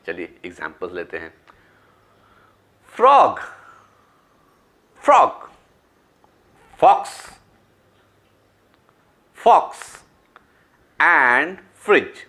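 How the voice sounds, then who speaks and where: A man teaching phonics, mixing English words into his talk and stretching out example words with loud, high stresses. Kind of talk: phonics lesson.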